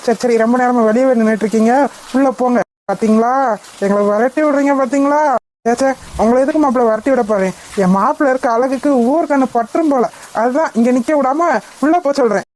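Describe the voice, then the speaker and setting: A woman voicing family members in a cartoon, talking in lively banter. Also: on the high side, quick pace. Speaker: cartoon voice-over artist. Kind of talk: cartoon voice acting.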